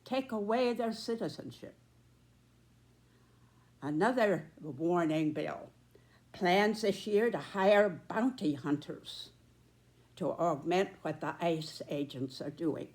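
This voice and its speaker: A woman in her nineties with a slightly low voice delivers spoken commentary very slowly. She is deliberate and emphatic, setting out her words in short, measured phrases. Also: a little mellow. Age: 90s. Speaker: political commentator.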